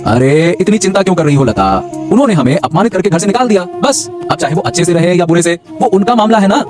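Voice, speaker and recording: A man's voice: high voice, lively intonation, fast. A man voicing a stubborn, grumbling husband in a cartoon story, brusque and dismissive. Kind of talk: cartoon voice acting. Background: background music.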